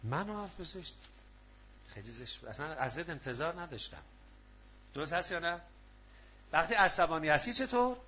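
A man giving a religious talk to a live audience, lively and often prompting listeners to answer aloud, on a muffled lo-fi recording. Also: on the high side, long pauses, breathy edge. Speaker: preacher.

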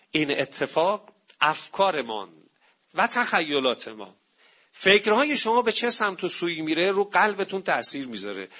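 A man's voice: sits high, pushed and bright. A man preaching a sermon with emphatic rhetorical questions to the congregation, on a dull lo-fi recording.

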